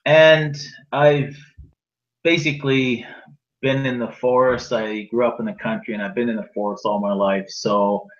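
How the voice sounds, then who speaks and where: An easygoing man in his forties, a guest joining a video call from home, speaks plainly and in a down-to-earth way. His mid-pitched voice comes through a webcam sounding dull and muffled, with a roomy echo around it. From rural New Brunswick, Canada. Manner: easygoing, plain-spoken, with light laughs. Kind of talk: casual interview chat. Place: room at home. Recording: muffled, echoey webcam audio.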